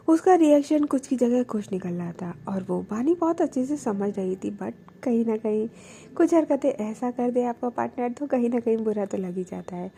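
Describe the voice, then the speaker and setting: A woman's voice: a little high, gravelly, mellow, a little hiss or hum. A young woman telling a love story casually, with many English fillers. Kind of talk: casual spoken storytelling, Hindi mixed with English.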